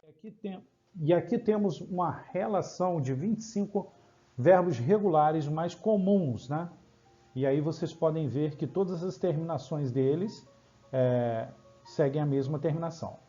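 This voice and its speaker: A Brazilian man teaching English grammar in Portuguese, explaining rules step by step and checking in with quick questions. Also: fairly high pitch, warm tone, highs cut off, soft background music. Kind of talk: grammar lesson over slides.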